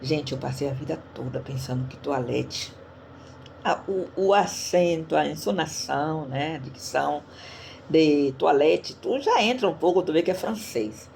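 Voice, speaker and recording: A woman's voice: sits low, expressive, a little slow, creaky, darkish tone, a little hiss or hum. A woman from Brazil sprinkled words, giving a chatty online church talk and often checking in her listeners. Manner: chatty, tags questions to listeners. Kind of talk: casual sermon talk.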